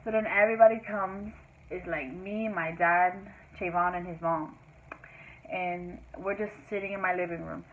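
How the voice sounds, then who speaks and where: A woman's voice: lowish voice, steady tone, moderate pace. Young woman vlogger, casual rambling storyteller, boxy phone-quality audio. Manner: rambling, many fillers like "like" and "whatever". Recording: tinny phone-like sound, faint hiss.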